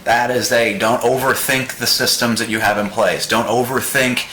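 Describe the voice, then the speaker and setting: A male podcast host who talks emphatically in casual chat. His voice is bright and forceful. The room adds a noticeable echo. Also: medium pitch, normal speed, slight background noise. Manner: emphatic, repeats words when excited. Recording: roomy echo.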